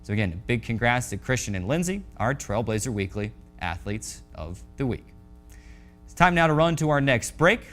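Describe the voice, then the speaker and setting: With faint music behind him, an American man hosting a sports show reads through a scripted rundown of scores in a polished announcer style. He's also a play-by-play voice. His medium-pitched, fairly bright voice has a sing-song lilt at a normal speed.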